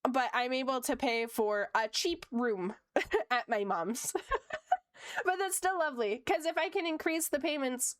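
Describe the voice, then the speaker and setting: A woman's voice: sits high, unhurried, no echo, studio quality. A woman, chatting casually on her stream while she draws, upbeat, often laughing and using lots of fillers. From Canada (Ontario). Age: late 20s. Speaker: streamer and VTuber. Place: home room.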